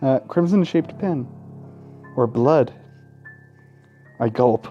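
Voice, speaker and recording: Game music plays behind a man who reads a horror game aloud in a dramatic style as a let's play host, breaking off for crude, profane, mocking asides. His voice is medium-pitched and slow, and the audio sounds dull.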